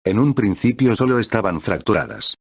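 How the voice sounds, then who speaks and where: A man's voice: fairly low pitch, big pitch swings, moderate pace, creaky, slightly rough, dry recording, exaggerated voice. A man voicing a severe, cold adult female pony princess in a storybook reading, speaking sternly and reproachfully.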